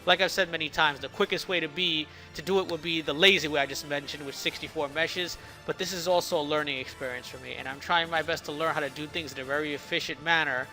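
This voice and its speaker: A man gives a casual, explanatory devlog in a bright, slightly high voice. His words are a bit slurred, as if around a swollen lip, and he occasionally stumbles. Music plays behind him. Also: steady tone, quick pace, hardly any pauses, low-quality recording. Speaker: indie game developer narrating a devlog.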